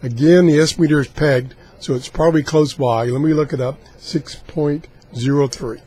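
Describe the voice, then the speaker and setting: A man casually demonstrating radio scanning, haltingly thinking aloud as he goes. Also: fairly high pitch, fairly even intonation, warm tone, breathy edge. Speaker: radio hobbyist host.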